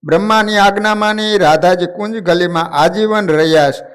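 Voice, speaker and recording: A man's voice: high voice, moderate pace, a bit bright, clear, resonant tone. A man narrating a devotional story, animating the characters as he tells it. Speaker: religious storyteller.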